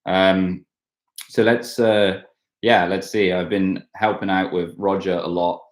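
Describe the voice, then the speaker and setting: A man's voice: low voice, flat delivery, slow. A man in his thirties, a mountain bike racer, chatting casually on a live stream and rambling with many fillers and restarts. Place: at home, washing outside in the rain. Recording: roomy echo.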